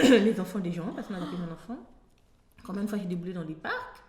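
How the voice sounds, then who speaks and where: A woman with a French accent, a guest telling lively stories in a casual interview, acting out voices and laughing often. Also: fairly low pitch, fast talker, a crowd in the background. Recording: echoey room with faint background ambience.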